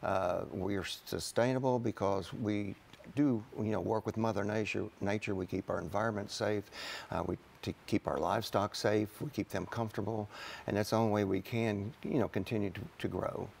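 A man's voice: on the low side, steady tone, normal speed, creaky, a little mellow, slight background noise. A man, a farmer guest speaking plainly and earnestly in a TV studio interview, with many fillers, on a lapel mic. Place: TV studio set.

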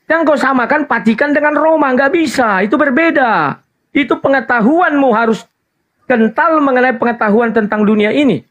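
This man's voice is extremely high and a bit bright, moving at a moderate pace. Caught in a heated religious debate on an online call with slightly muffled audio, he insistently demands turns to speak and explains where he stands.

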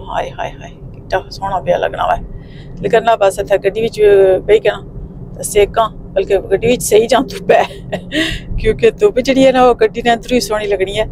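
A Pakistani woman chatting casually and expressively as she vlogs about her day in a homely way. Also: medium pitch. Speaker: vlogger. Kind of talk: casual vlog chat. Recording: noisy phone vlog with vehicle sounds.

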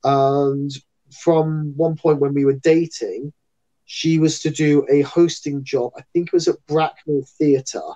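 A man's voice: fairly high pitch, little pitch movement, unhurried, warm tone, lo-fi sound. A man entertainer chatting as an interview guest, a rambling, talkative storyteller. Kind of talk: casual interview chat.

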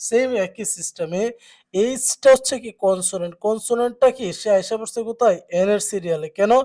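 A teacher giving an exam-prep grammar lecture, posing questions to the class and answering them at once, often checking in with "okay?". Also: medium pitch. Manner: asks rhetorical questions and answers them, frequent check-ins.

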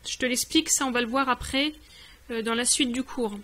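Bright high-voiced woman teaching patiently. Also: steady tone, brisk. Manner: patient, repeats and glosses each word. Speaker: online language teacher. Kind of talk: explaining a dialogue step by step.

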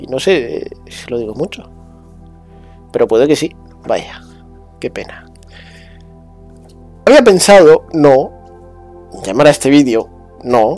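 A man from muses aloud, full of restarts and little fillers. He drifts between a hushed murmur and a brighter, livelier tone. Faint music plays underneath. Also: mid-range voice, very animated, a little slow, long pauses. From Spain. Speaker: vlogger. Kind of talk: rambling casual monologue.

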